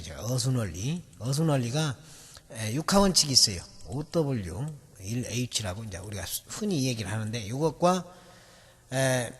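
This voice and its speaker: A man's voice: a little high, breathy edge. Man teaching in a reverberant hall. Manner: patient, repetitive explaining, drawing out key words. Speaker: English memory-method teacher. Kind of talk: recorded video lecture.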